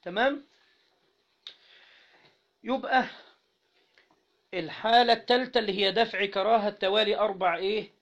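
A man with an Egyptian Arabic accent teaching Arabic grammar to a class, asking students questions again and again and spelling out syllables slowly. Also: high voice, steady tone, vocal fry, a bit bright. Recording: dull lo-fi recording.

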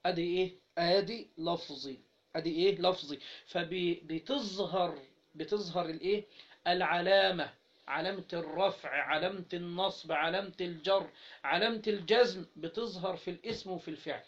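A man with a high voice and an Egyptian Arabic accent teaches Arabic grammar in an interactive lesson, prompting students to complete his sentences and stretching out example words slowly. The recording is dull and lo-fi.

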